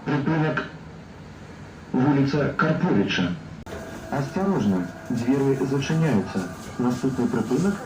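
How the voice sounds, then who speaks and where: A man giving formal, measured stop announcements played over a bus PA loudspeaker. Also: medium pitch. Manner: measured, formal, even delivery. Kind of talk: prerecorded transit announcement. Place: inside a moving city bus. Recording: echoey, distant, noisy bus interior.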